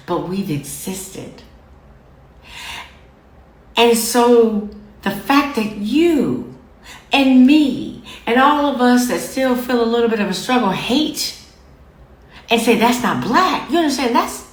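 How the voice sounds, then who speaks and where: A woman with a lowish voice hosts her own show in an echoey room, speaking straight to camera. She lectures her viewers affectionately but firmly, calling them babies and fam and repeating phrases for emphasis.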